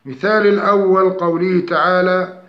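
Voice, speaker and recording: A male teacher with a slightly high voice explains recitation rules point by point, calm and methodical, slowing down to recite examples. The room rings with echo, and the lo-fi recording sounds dull. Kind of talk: structured lesson on recitation rules.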